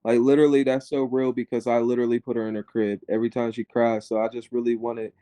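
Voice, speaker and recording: A man, a rapper being interviewed, telling his story in animated casual talk, full of filler words. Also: medium pitch, fast talker, dry recording.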